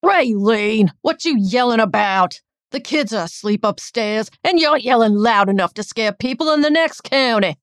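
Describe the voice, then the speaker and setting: A woman reading the part of a gruff grown uncle who speaks in a plain, exasperated way. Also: a little high, expressive, moderate pace, few pauses, no room sound, studio quality, voice pushed up, natural voice.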